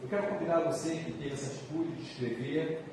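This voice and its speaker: Brazilian pastor preaching in a very echoey hall. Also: male voice, a little high, fairly even intonation. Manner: emphatic repetition with drawn-out phrases. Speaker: pastor preaching to his church. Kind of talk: church sermon. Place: large reverberant church room. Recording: echoey hall, distant mic, noisy.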